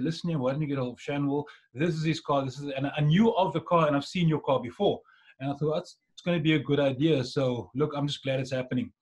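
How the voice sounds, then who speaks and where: A man's voice: a little high, darkish tone, husky. A man in his forties with a South African accent, chatting casually as a podcast host on a video call. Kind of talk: casual interview chat. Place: dim indoor room, video call.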